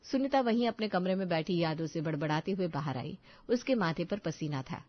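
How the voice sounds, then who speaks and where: A woman narrating a family story in a steady storytelling voice. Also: on the low side, fairly quick, no room sound. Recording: slightly dull lo-fi recording.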